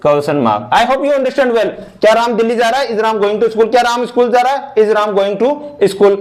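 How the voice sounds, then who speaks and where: Slow-talking teacher. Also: male voice, very high voice. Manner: slow, repeats each step, mixes English into Hindi. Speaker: English teacher. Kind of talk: online grammar lesson.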